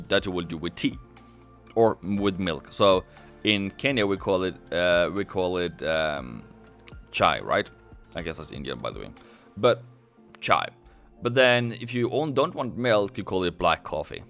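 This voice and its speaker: On a live trading stream, a Norwegian forex trader chats casually in a low-pitched, fairly bright voice. He rambles, laughs a lot and keeps restarting his sentences.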